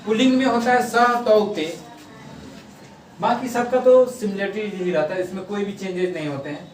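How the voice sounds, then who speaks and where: A man's voice: high voice, fairly even intonation, moderate pace, darkish tone, a little hiss or hum. A man teaching a grammar lesson who drills the class, repeating terms and asking then answering his own questions. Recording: echoey room, mic at a distance.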